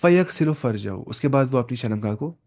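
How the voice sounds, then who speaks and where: A man teaching an Arabic lesson, reading each Arabic phrase slowly and then explaining it in with English words mixed in. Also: mid-range voice, expressive, a little mellow.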